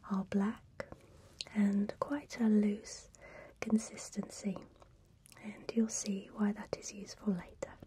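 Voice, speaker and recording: A woman speaking in a soft, breathy whisper, giving a calm ASMR tutorial as a spa technician. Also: medium pitch, a little hiss or hum.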